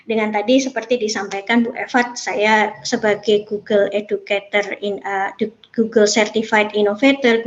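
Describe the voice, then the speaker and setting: A woman in her late forties runs an online teacher training session, talking in a chatty way with many fillers and reading out answers from the chat. Her voice sits a little high. The audio is dull and lo-fi, like a video call. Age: 40s. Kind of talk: online workshop presentation.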